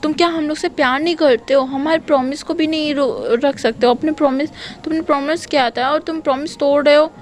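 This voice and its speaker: A woman's voice: high voice, steady tone, a little fast, voice pushed up, natural voice. A woman doing a stern scolding father. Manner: scolding, firm.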